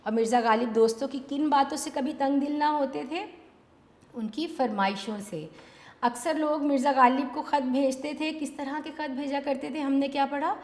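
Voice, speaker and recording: A woman teacher leads an online exam-prep lesson, calling students "beta" and asking and answering her own questions. Her voice sits a little high. The sound is roomy, with a long hall echo. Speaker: Urdu teacher.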